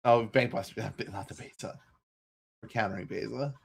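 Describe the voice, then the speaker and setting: A man co-hosting a podcast, trading quick quips and laughs during casual card game commentary. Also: fairly low pitch, steady tone, gravelly, slight background noise.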